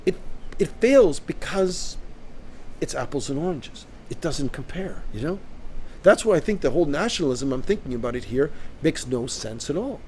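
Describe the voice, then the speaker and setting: Canadian man, co-host type, talks emphatically and keeps asking "right?", warm higher voice, light noise behind. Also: big pitch swings, moderate pace. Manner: emphatic, interjects with repeated "right?". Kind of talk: casual discussion.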